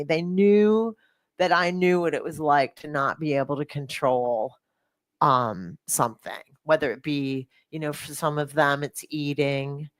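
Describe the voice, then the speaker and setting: A middle-aged woman hosting a fitness podcast, talking in a rambling, animated way with lots of fillers and restarts. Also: deep voice, no echo. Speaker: fitness coach and podcast host. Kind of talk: casual podcast chat.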